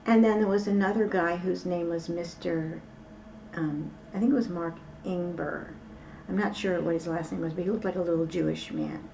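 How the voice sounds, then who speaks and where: Gravelly low-voiced woman telling a story. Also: steady tone, normal speed, warm tone, recorded from a distance, slight background noise, rough recording. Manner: rambling, with many fillers and asides. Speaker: interview guest. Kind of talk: casual storytelling.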